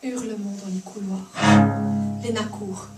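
A woman author reading her novel aloud at a live café concert, hushed and intense, swelling to drama, with a bowed viola playing alongside. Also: medium pitch, fairly even intonation, measured pace, loud music behind the voice. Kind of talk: live literary reading with music. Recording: roomy hall, distant mic, live viola.

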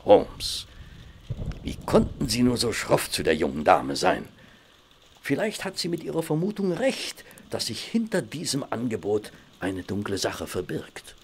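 An actor playing a courteous, kindly gentleman doctor in a German radio play, speaking in a measured, considerate way. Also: mid-range voice, wildly swooping pitch, a little hiss or hum. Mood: reproachful.

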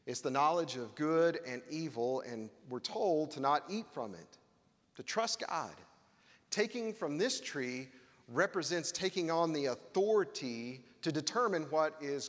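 A man preaching a sermon as pastor, earnest with touches of wry humor, reading scripture aloud. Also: a little high. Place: church sanctuary. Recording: long hall reverb.

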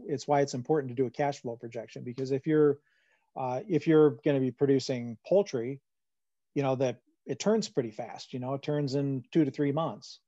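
A man's voice: mid-range voice, dark tone, no echo. A man answering audience questions about farm finances in a webinar, talking conversationally with many fillers and restarts over a video call. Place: home room on a video call. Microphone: computer microphone on a video call. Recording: dull lo-fi video call audio.

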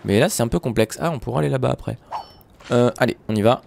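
A young man chatting excitedly to his viewers while commenting on his own gameplay. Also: medium pitch, quick pace, gravelly, slight background noise. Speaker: gaming YouTuber. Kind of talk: Minecraft let's play commentary.

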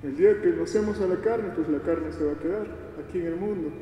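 A middle-aged man preaches as a priest at a wedding mass. His voice is fairly high and very soft-edged in tone. It comes from far off in a big church, with heavy cathedral echo and clear background noise. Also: fast talker. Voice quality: echoing cathedral sound. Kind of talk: gospel reading and homily. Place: large church, indoors. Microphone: gooseneck lectern microphone heard from far off. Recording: echoey church hall, distant, noisy.

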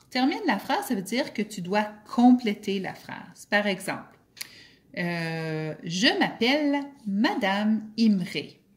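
A woman teacher leads a phonics lesson for young children. She talks at a very slow pace, stretching out each word so it can be repeated back. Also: medium pitch. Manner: slow, drawn-out word-by-word pronunciation.

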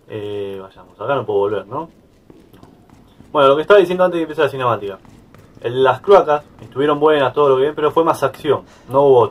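Jumpy Rioplatense man narrating his gameplay. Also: mid-range voice. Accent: Rioplatense Spanish. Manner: chatty, easily startled, yelps and laughs at scares. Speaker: gaming YouTuber. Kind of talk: casual let's-play commentary.

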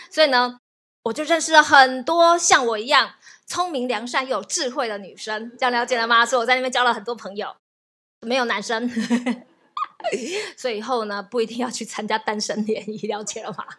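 Lively laughing woman pastor. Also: on the high side. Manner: lively storytelling, laughs often. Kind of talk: sermon testimony.

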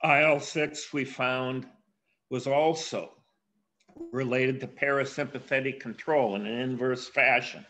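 An older man giving a keynote academic lecture, speaking in a measured way with frequent pauses and filler sounds. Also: medium pitch, fairly even intonation, a bit bright. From USA.

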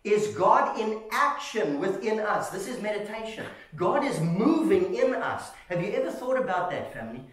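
A man preaching a sermon to his congregation, lively and animated, often calling them "family" and asking "Amen?". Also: high-pitched, normal speed, few pauses. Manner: animated, calls listeners "family" and checks in with "Amen?". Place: church hall. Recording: echoey hall, voice from far off.

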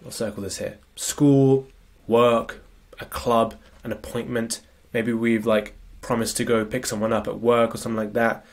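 This productivity coach speaks at normal speed in a mid-range voice with little pitch movement, sniffling from a cold. His screen-share lecture over slides is casual and conversational, dotted with tag questions like "right?".

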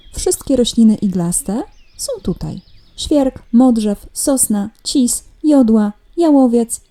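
A woman primary school teacher walking children through workbook exercises in a recorded remote lesson, patient and gently teasing. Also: mid-range voice, breathy edge. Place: at home.

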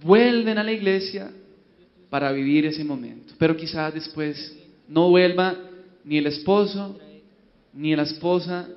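A Colombian preacher with a high voice, spinning a joke into a sermon and quizzing his listeners. His sound is dull and lo-fi, with a long reverb like a big hall. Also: unhurried. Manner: joking, storytelling, asks audience. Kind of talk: humorous sermon.

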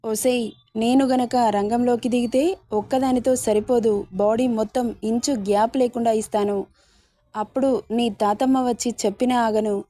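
Playful bossy young husband, read by a woman, mellow and close. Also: a little high, fairly even intonation, normal speed, dry recording, close to an everyday voice. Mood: teasing. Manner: teasing, bossy. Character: young man, teasing, playful, domineering husband.

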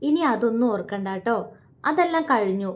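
A woman's voice: fairly high pitch, lively intonation, normal speed, natural voice. A woman voicing a playful young man who teases and comforts his beloved in a romance story. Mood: tender. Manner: teasing and affectionate. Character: playful, teasing young man, tender lover.

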